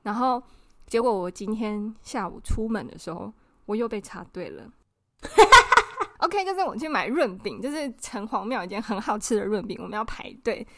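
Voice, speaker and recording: A woman, co-hosting a podcast and telling a story in an indignant, animated way, acting out the people she quotes. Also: mid-range voice, brisk, very noisy. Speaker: podcast co-host. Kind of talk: casual storytelling chat.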